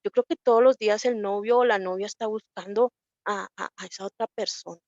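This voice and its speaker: A woman's voice: mid-range voice, fairly even intonation, fairly quick, a little mellow, dry recording, muffled recording. A woman teaching a Bible class in a conversational way, often repeating herself. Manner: conversational, repeats herself, acts out quoted people.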